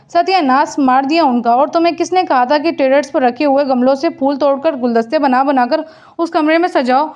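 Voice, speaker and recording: Woman storyteller, Pakistani Urdu accent, high voice, lively novel reading with voiced dialogue.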